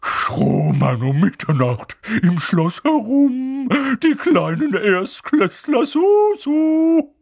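Ein Mann spricht einen schrillen, schelmischen männlichen Poltergeist mit nerviger Singsangstimme. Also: male voice, very high-pitched, very animated, slow, creaky, hardly any pauses, darkish tone, no echo, clean studio sound, voice pushed up, exaggerated voice. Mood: taunting. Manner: sing-song, taunting. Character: shrill cackling mischievous male poltergeist.

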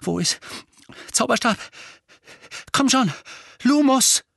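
A man reading an audiobook voices a frightened teenage boy wizard who hisses and shouts urgent commands. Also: mid-range voice, expressive, quick pace, husky. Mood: desperate shouting. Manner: tense, hissing and shouting commands.

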